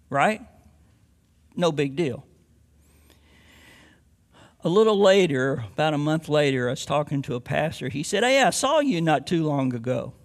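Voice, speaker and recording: A man's voice: a little high, vocal fry. A man preaching a sermon as a pastor, mixing scripture with homely stories and rising to emphatic declarations.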